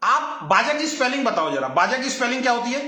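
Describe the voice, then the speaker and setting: Man, very high voice, sharp, teasing monologue, echoey room. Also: big pitch swings, quick pace. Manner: teasing, mocking nicknames. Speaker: direct selling channel host. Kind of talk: live-stream monologue.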